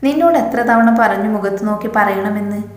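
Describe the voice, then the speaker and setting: A woman's voice: mid-range voice, a little fast, roomy sound, in a large hall, close to an everyday voice. A woman voicing a short-tempered young husband in a storybook reading, speaking in a curt, scolding way. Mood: irritated.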